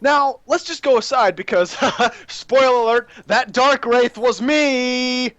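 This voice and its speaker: A young man hosting a rambling, excitable gaming rant that breaks into shouting while he plays. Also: very high voice, slow pace, no room sound, dull audio. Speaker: gaming channel host ranting.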